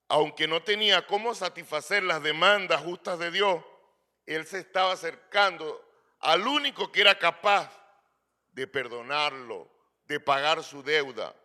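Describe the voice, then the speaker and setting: Man, pastor, sermon, earnest, rhetorical questions, bright voice. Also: a little high, lively intonation, a little slow. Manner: earnest preaching, asks rhetorical questions and addresses listeners as brother.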